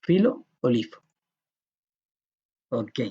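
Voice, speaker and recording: A man's voice: medium pitch, sing-song, very slow, vocal fry, husky. A man giving an informal programming lecture in a chatty, joking manner, often checking that his students follow. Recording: dull lo-fi lecture recording.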